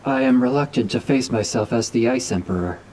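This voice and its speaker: A man's voice: mid-range voice, brisk, darkish tone, a little hiss or hum, close to an everyday voice. A man voicing a troubled android ninja who speaks formally and precisely, in a fan-made audiobook.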